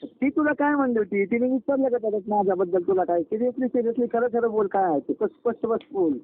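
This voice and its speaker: A young man talks casually with a friend on a phone call, quick and high-pitched, pressing his points in a blunt, insistent, repetitive way. The phone audio sounds narrow and tinny.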